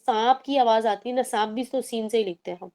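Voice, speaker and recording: A woman's voice: on the high side, a little mellow. A woman teaching Quran recitation in an online class, explaining patiently step by step and mixing in English terms.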